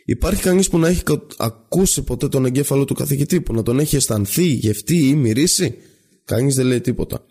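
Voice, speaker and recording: Gravelly, husky male story narrator. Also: mid-range voice, expressive, warm tone. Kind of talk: read-aloud story narration.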